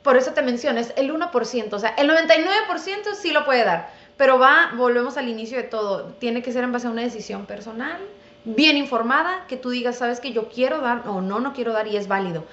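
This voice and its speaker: A woman's voice: on the high side, expressive, quick pace, a bit bright. Lady guest telling her faith story earnestly, kinda roomy lo-fi audio. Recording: roomy, dull lo-fi sound.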